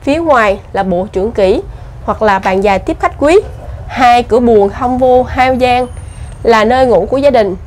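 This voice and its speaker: A woman's voice: on the high side, a little mellow, slight background noise. A woman hosting a casual travel vlog outdoors, asking questions and reading signs aloud. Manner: chatty, asks questions, reads signs aloud slowly. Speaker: vlog host. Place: outdoors at a heritage site.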